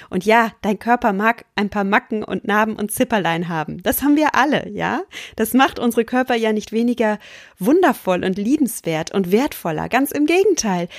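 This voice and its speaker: A woman coach speaks in an earnest, emphatic way, pitching a motivational course in a mid-range voice. She slows down for emphasis and sometimes sinks into a soft whisper. The recording is close and dry, with no room sound. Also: no echo. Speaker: life coach.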